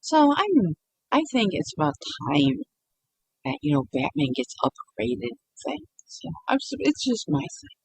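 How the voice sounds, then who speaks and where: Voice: medium pitch, wildly swooping pitch, measured pace, breathy edge, no room sound, low-quality recording. A YouTuber giving a casual late-night monologue meant to help people sleep, rambling with frequent restarts and often breaking into giggles.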